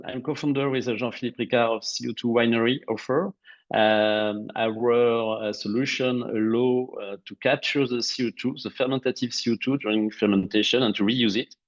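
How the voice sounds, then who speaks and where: A man with a French accent presenting on a webinar, speaking carefully and slowly in English with many pauses and filler sounds. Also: lowish voice. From France. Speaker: webinar speaker, company co-founder. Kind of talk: presentation on a video call. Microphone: video call. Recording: dull lo-fi call audio.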